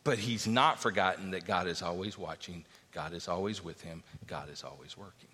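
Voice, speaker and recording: Male preacher, sermon, bright forceful tone, reverberant church hall, reads scripture and explains it. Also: normal speed. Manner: expository preaching, reads scripture aloud, rises in pitch for emphasis. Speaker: pastor.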